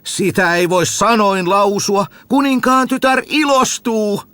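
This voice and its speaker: A man voicing a simple, cheerful peasant boy who shouts with glee about his finds. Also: high-pitched, smooth, no echo, pitched above the performer's own voice. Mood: gleeful. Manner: shouting, gleeful, excited.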